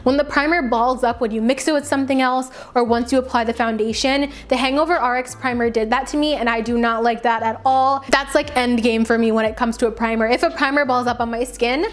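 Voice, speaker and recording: In a casual product review for camera, the beauty vlogger speaks a little fast with few pauses and fairly even intonation. Her fairly high voice leans on words for emphasis in a chatty, conversational style, sounding slightly raspy and worn from a long stretch of speaking.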